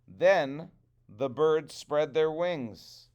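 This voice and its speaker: Male storyteller for trickster tale: unhurried, resonant, deliberate dramatic phrasing. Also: fairly high pitch, lively intonation, a little mellow, clear, resonant tone, lo-fi sound.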